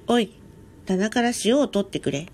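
A woman voicing a blunt, unflappable male store coworker with casual, rough speech in a ghost story reading. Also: mid-range voice, lively intonation, moderate pace, darkish tone, a little hiss or hum, lightly acted. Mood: gruff, matter-of-fact.

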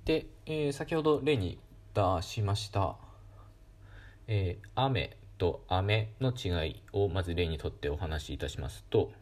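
Calm deep-voiced man explaining linguistics. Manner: calm, explanatory, with frequent fillers. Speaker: podcast host. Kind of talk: solo educational talk.

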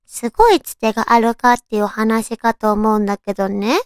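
A woman with a cute, girlish anime-like voice, chatting casually on her own as a radio talk host, with softly drawn-out phrasing. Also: fairly high pitch, expressive, clean tone, dry recording, studio quality. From Tochigi, Japan. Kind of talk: casual solo chat.

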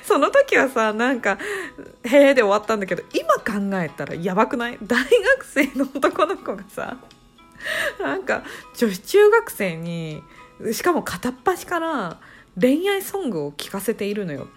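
A woman around thirty, a podcast host telling a story at home in a casual, animated way and laughing often. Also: a little high, moderate pace, faint music behind.

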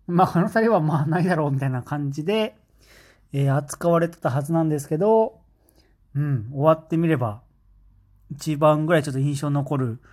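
A man talking casually on his own as a fan, rambling with many fillers and enthusiasm. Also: a little high. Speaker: podcast host. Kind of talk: casual solo talk.

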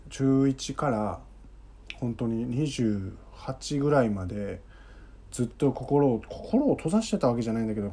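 A man in his thirties with a Kansai accent hosts a solo podcast with a mellow, dark tone. His pitch sits in the middle of the male range, and he tells his story in a rambling, chatty way, circling back and repeating himself as he remembers. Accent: Kansai Japanese. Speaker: podcast host.

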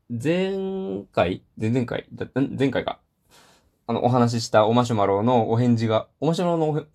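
A man's voice: medium pitch, darkish tone. A man hosting a casual solo talk show, rambling with many fillers and self-deprecating asides. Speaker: solo podcast host.

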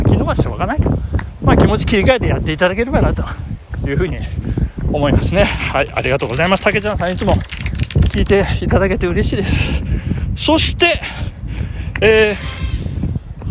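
A man hosting a casual solo podcast while running outdoors, speaking politely and chattily with controlled breathing as he handles listener mail. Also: high voice. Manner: polite, chatty delivery with exclamations. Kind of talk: casual solo chat recorded on the move. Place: outdoors on the move along a road. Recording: windy outdoor recording with traffic noise.

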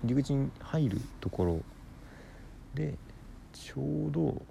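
A man, a comedian hosting his own radio show, telling a rambling story in a casual solo monologue, mixing fast patter with drawn-out words. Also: medium pitch, lively intonation, vocal fry, warm tone, slight background noise.

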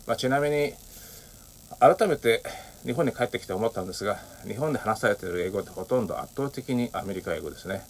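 A man hosting a solo audio talk, speaking politely and thoughtfully with many pauses and fillers. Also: lowish voice, slight background noise. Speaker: podcast host.

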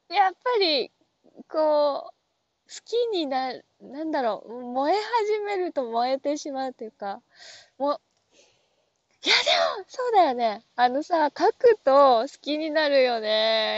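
High-voiced woman rambling into her phone. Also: no room sound, muffled recording. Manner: rambling, full of fillers and self-questions. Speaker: app talk show host. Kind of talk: casual solo monologue.

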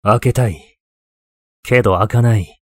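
A man voicing an eccentric, obsessive male occult enthusiast in a ghost story, terse, low-key and matter-of-fact. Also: measured pace, no room sound, studio quality. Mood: absorbed, deadpan. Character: eccentric, obsessive male occult-loving mentor, deadpan and wistful.

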